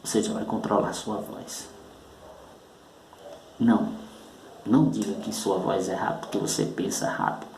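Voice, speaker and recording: A man teaching a public speaking lesson, speaking slowly and emphatically and leaning hard on stressed syllables. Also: on the low side, lively intonation, gravelly, a little mellow, roomy sound, a little hiss or hum, rough recording. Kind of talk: recorded oratory lesson.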